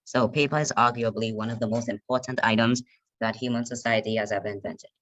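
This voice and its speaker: A man leading an online group lesson over a video call, hesitant and halting, often restarting his sentences. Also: medium pitch, steady tone, a bit bright, dry recording. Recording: muffled video call audio.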